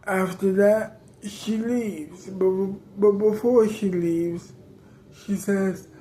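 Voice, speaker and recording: A woman's voice: medium pitch, fairly even intonation, slow pace, warm tone, soft background music, rough recording. A woman improvising a spoken story, rambling and correcting herself as she goes.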